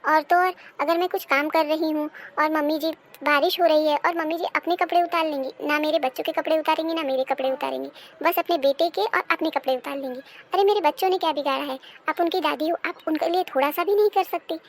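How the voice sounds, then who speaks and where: Cartoon: a wronged, polite young daughter-in-law, voiced by a woman, high-pitched. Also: fairly even intonation, quick pace, few pauses, slight background noise. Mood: aggrieved. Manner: polite, then pleading and aggrieved. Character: put-upon young daughter-in-law, polite but aggrieved. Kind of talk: cartoon dubbing.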